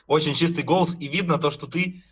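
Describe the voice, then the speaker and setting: A man's voice: fairly high pitch, steady tone, a little fast, fairly bright tone, breathy edge. A man chatting casually, repeating his words for emphasis. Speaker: video chat stranger giving praise. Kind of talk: casual chat.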